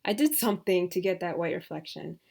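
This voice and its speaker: A woman giving a casual software tutorial, thinking aloud with hesitant fillers and dropping to soft mutters as she works. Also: on the low side, fairly quick, gravelly. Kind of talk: screen-recorded tutorial.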